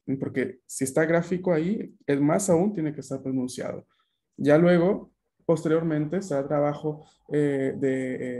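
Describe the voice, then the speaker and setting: A man's voice: on the high side, dark tone. A man teaching an online language class, explaining patiently and checking in with frequent tag questions.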